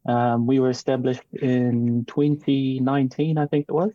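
A man born in New Zealand and raised partly in Tonga, a guest in an interview, speaking in a measured, reflective way with frequent ums and restarts. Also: medium pitch, level tone, warm tone, dry recording, lo-fi sound. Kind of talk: casual interview talk.

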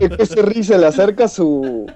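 A man's voice: sits high, lively intonation, normal speed, a crowd in the background. A man with a Mexican accent calling in to a podcast over an internet call, chatting casually, laughing often and restarting his phrases as he tells a story. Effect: heard over an internet call line. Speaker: caller to a podcast. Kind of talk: casual chat, telling an anecdote. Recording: dull, dry internet call audio.

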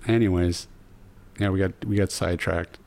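A man hosting a casual podcast, rambling and joking with his co-hosts. His voice sits fairly low. A faint hiss of noise lies behind him. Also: steady tone, moderate pace, vocal fry, a little mellow. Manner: joking, rambling with frequent laughs. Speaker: podcast host.

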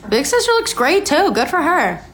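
A woman's voice: high voice, big pitch swings, normal speed, a bit bright. A young woman hosting a podcast, chatting casually and reacting live as she watches a show. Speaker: podcast host. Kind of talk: casual recap chat.

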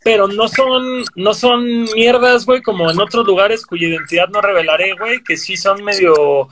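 A man's voice: high-pitched, normal speed, background noise. A man from Mexico hosting a podcast, laid-back and slangy, dropping "güey" all the time. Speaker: podcast host. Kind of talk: casual podcast chat.

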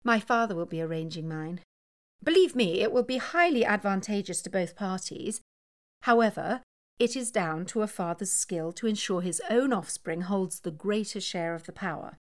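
Woman reader voicing a poised young lady, cool and provocative, measured. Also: medium pitch, lively intonation, lightly acted. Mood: coolly teasing. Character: poised, teasing upper-class young woman.

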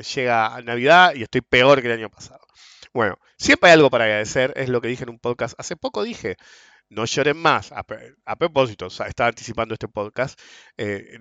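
A man's voice: medium pitch, a bit bright, no room sound, dull audio. A middle-aged Argentine man hosting a podcast, talking in a rambling, slangy monologue and laughing often. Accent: Argentine Spanish. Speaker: podcast host. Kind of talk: casual monologue.

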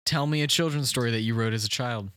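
A man's voice: medium pitch, a bit bright, dry recording. A man hosting a comedy podcast who talks casually, teases his guest and keeps interrupting. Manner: teasing, interrupting, quick-talking. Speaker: podcast host.

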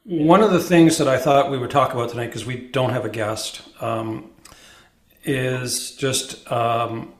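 A man's voice: mid-range voice, measured pace. Roomy-sounding Canadian man hosting a podcast. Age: middle-aged or older. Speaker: podcast host. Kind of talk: casual, conversational hosting.

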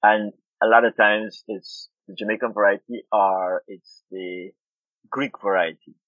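A little slow and steady in tone, his voice lies on the low side. He's a middle-aged Guyanese urban farmer and food activist, a thoughtful interview guest on farming who frequently repeats words while searching. The tinny phone-like line has no room sound.

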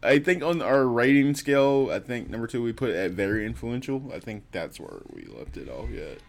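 A man's voice: mid-range voice, very animated, normal speed, gravelly. A man co-hosting a gaming podcast in casual chat, laughing often and rambling loosely. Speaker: podcast co-host.

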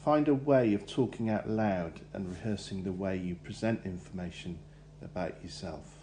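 A man gives interview advice in a measured, instructive way. His voice sits low and sounds mellow and relaxed. A faint hum stays in the background. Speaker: careers adviser. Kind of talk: scripted advice segment.

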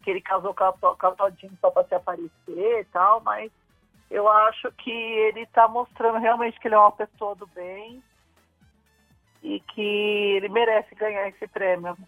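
A woman's voice: medium pitch, level tone, normal speed, no echo. A woman calling in to a radio show over the phone, chatting casually with small hesitant restarts. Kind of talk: casual call-in chat. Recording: tinny phone line, faint music.

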